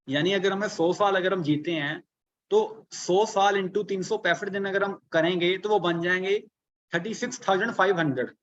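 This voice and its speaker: High-voiced man coaching a live webinar. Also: fairly bright tone, highs cut off, a little hiss or hum. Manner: repetitive, rhetorical questions, walks through arithmetic step by step. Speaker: online business coach. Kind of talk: live online workshop.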